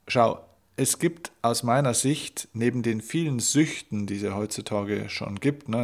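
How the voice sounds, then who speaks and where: A man's voice: lowish voice, creaky. A man hosting a motivational podcast as a coach, speaking emphatically and repeating his key points.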